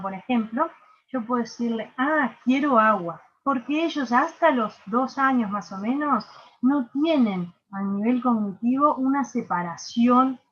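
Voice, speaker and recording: A woman with a Uruguayan accent teaches an online workshop, her voice sitting somewhat high. She explains step by step, dropping fillers and asking if everyone follows. The sound is a bit dull and lo-fi, like a video call. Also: husky. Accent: Uruguayan Spanish. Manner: explanatory, frequent filler "este" and checking questions. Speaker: workshop instructor.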